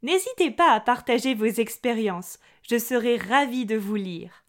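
Woman podcast host, fairly high voice, clear teaching delivery, friendly and direct with listeners. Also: lively intonation, measured pace. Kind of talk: clear, slow-paced podcast lesson for learners.

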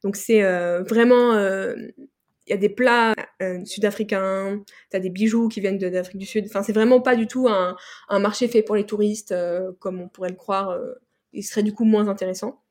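A woman's voice: medium pitch, steady tone, moderate pace. Rambling young Frenchwoman telling travel stories. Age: young adult. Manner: rambling, many fillers and restarts. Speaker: guest. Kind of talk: casual interview chat.

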